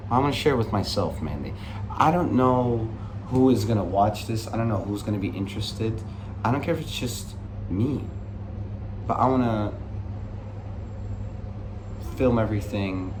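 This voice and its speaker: Speaking from a room in London, a Dutch man in his twenties rambles through an unscripted vlog in a cocky, upbeat way. His voice sits on the low side, his accent blends American and international traces, and there's noise in the background.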